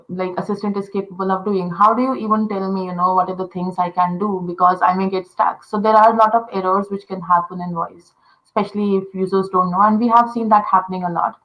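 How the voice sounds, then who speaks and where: Here a mid-range, fairly bright female voice comes through a rough recording. The speaker is an Indian woman whose first language is Telugu, and she talks about conversation design in a relaxed way, her Indian-accented speech full of "uh" and "you know."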